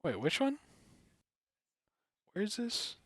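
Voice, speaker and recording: A man's voice: sits high, wildly swooping pitch, takes it slowly, a bit bright, breathy edge, no echo, studio quality. A young man co-hosting a casual podcast, asking loose questions. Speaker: podcast co-host.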